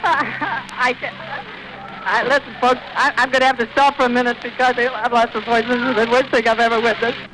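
A man's voice: very high voice, level tone, a little fast. A male radio reporter, distraught and out of breath, stammering and repeating himself as he reports live outdoors from an airfield. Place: outdoors at an airfield, near a burning airship. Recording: noisy 1930s archive radio recording.

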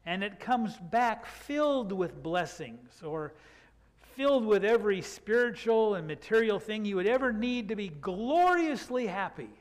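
The older man preaching here has a high, expressive voice. He delivers a reflective sermon from the pulpit slowly, lingering on words for emphasis, and the pulpit microphone records it with long church reverb.

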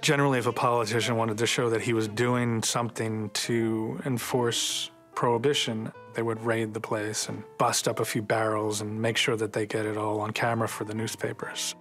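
A man's voice: on the low side, level tone, moderate pace, few pauses, a bit bright, faint music behind. An American man in his thirties or forties giving informal, colloquial commentary in a documentary interview. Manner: plain-spoken, colloquial. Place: dim indoor interview set, music behind.

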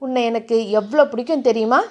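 A woman voicing a gruff, teasing young hero. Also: a little high, fast, pitched below the performer's own voice, natural voice. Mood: tender, teasing. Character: brooding possessive young male hero, teasing.

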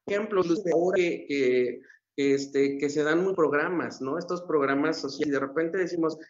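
A man's voice: on the high side, normal speed. A man, a psychologist giving an earnest motivational talk that wanders through fillers and restarts. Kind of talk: motivational talk on a radio-style show. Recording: echoey, dull lo-fi room sound.

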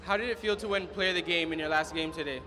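Male interviewer, high voice, off camera, reverberant arena, clear background noise. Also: fast talker. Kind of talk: post-game interview questions. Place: indoor arena.

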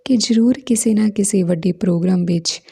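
A woman narrating a serialized novel as a storybook reading, in a calm, steady manner. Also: medium pitch, brisk, husky.

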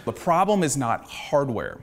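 A man who founded a startup gives an energetic, upbeat business pitch to a panel of investors. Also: unhurried, long reverb tail. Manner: energetic, upbeat salesman's delivery.

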